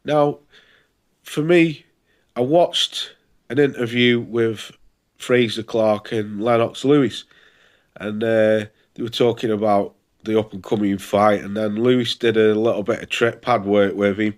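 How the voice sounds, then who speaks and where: A man with a fairly low voice and a stuffy nasal tone, as if his nose were pinched. He talks casually as a boxing vlogger, informal and a little halting as he thinks aloud. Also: fairly even intonation. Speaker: boxing channel host. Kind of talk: casual fight preview vlog.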